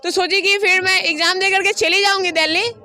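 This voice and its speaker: Man doing a high, bright young woman's voice. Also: fairly even intonation, a little fast, faint music behind, heavily acted. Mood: chatty. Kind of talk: casual chat in an assumed female voice.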